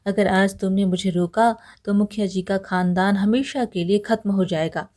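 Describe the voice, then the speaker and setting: Determined young woodcutter, urgent and loyal, voiced by a woman storyteller, warm tone. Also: medium pitch, fairly even intonation, moderate pace, lightly acted. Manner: urgent, pleading.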